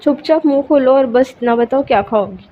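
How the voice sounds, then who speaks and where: A woman voicing a bossy, quick-tempered young woman who scolds and gives orders, in a storybook reading on a dull, lo-fi recording with faint hiss. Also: sits high, close to an everyday voice. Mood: scolding. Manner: scolding, commanding.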